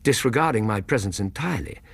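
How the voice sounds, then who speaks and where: A man playing a loyal Victorian doctor, narrating a radio drama in an English accent with measured, literary storytelling. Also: on the low side, animated, breathy edge, dry recording. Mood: observant, sympathetic.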